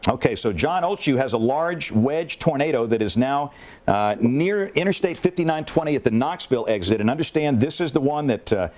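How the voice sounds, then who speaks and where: A man anchoring live severe weather coverage, urgent and deliberate, repeating key warnings. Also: mid-range voice, lively intonation, darkish tone.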